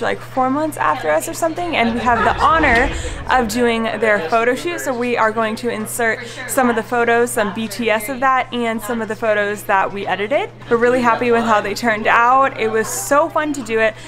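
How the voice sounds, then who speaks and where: A young woman talking to a handheld camera at arm's length, bubbly and excited. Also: a little high, moderate pace, few pauses. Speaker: vlogger. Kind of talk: casual vlog talk.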